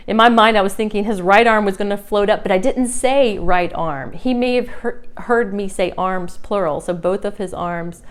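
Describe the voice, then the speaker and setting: Clear, smooth-voiced woman teaching informally. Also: medium pitch, normal speed, few pauses. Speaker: hypnosis instructor. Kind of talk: informal demonstration lesson.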